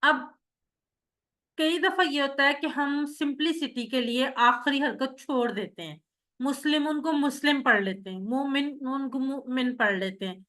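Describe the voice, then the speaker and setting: A woman's voice: sits high, fairly bright tone. A woman teaching Arabic grammar in an online class, explaining patiently step by step and calling on students.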